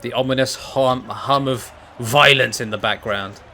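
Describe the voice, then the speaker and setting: A young man casually commentates on a fighting video game at an unhurried pace and medium pitch, getting excited and shouting at the big moments.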